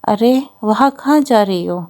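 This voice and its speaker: A woman's voice: medium pitch, darkish tone, close to an everyday voice. A woman reading the lines of a proud young husband in an audio novel, serious and commanding, then tender.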